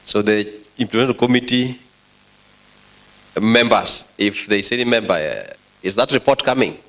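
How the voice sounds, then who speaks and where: A man with a Kenyan accent presiding over an assembly, formal and directive, with halting delivery. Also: lowish voice, expressive, a bit bright, low-quality recording. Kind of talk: formal parliamentary rulings. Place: assembly chamber.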